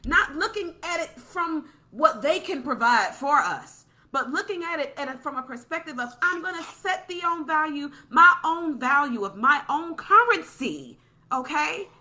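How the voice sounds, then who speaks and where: A woman's voice: sits high, lively intonation, moderate pace, pushed and bright. A woman delivering a passionate, preachy podcast monologue, repeating points for emphasis.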